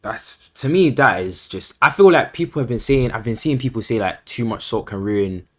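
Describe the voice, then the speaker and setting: A man's voice: medium pitch, animated, moderate pace, slight background noise. A man co-hosting a casual football podcast, hedging and repeating himself as he gives his views. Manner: hedging, repeats himself, lots of "I think" and "I feel like". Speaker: podcast co-host.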